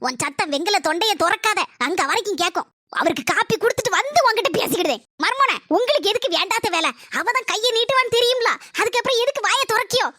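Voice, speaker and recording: A woman voicing a bossy, scheming village mother-in-law in a cartoon, nagging and sharp-tongued, with a southern Tamil Nadu accent. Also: very high voice, lively intonation, quick pace, few pauses, no echo, studio quality, exaggerated voice. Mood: scolding. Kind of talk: cartoon voice acting.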